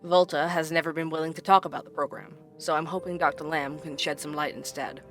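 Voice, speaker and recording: An actor plays a dry-witted, persistent podcast host in an audio drama, narrating and interviewing in a wry, conversational, probing way. The voice is medium-pitched, steady, fairly quick and fairly bright, lightly acted over soft background music.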